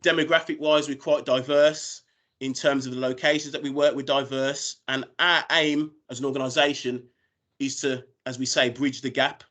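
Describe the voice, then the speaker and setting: A British recruiter gives an informal business presentation about job opportunities over a video call. His voice is mid-range with a fairly bright tone.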